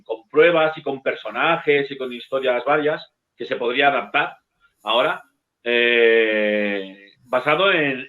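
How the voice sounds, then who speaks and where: Middle-aged guy from telling stories, cussing, sounds like a phone line. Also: mid-range voice. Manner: lively storyteller, swears casually. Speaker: bookseller and guest. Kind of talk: casual anecdote telling.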